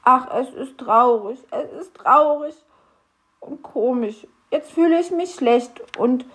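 A woman's voice: high-pitched, slow pace, pitched above the performer's own voice. A woman voicing a small, fretful male grump elf who stammers anxiously. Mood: worried.

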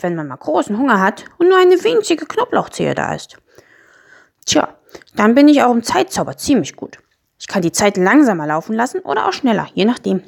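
A woman's voice: medium pitch, gravelly, slightly rough, heavily acted. A woman voicing a small, sad young grumpy magic creature in a storybook reading, plaintive and sighing.

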